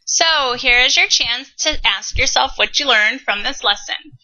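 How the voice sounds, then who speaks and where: A woman in her thirties teaching a recorded Spanish lesson, modeling words slowly and carefully. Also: high-pitched, sharp tone, muffled recording. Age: 30s.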